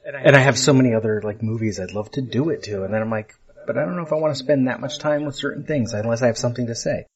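A man's voice: medium pitch, fast, lo-fi sound, crowd noise. A man hosting a podcast in casual chat, talking over a video call and laughing easily. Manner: chatty, self-deprecating, laughs easily. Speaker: podcast host.

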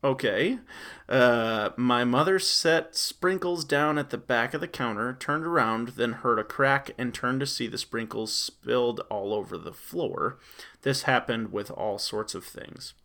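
A man hosts a podcast, reading listener stories aloud and riffing on them with chatty, playful banter and frequent laughter. His mid-range voice is pushed and bright, and he speaks a little slowly.

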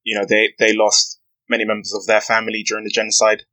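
A young man, giving an earnest, measured account as a podcast interview guest. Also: lowish voice, monotone, sharp tone, rough recording. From West London, UK. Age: 20s. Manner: earnest, measured storytelling with frequent "you know". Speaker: guest, aspiring barrister.

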